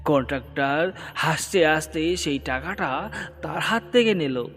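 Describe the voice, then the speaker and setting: A man narrating a horror story in a slow, dramatic storytelling manner. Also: fairly high pitch. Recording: long reverb with background music.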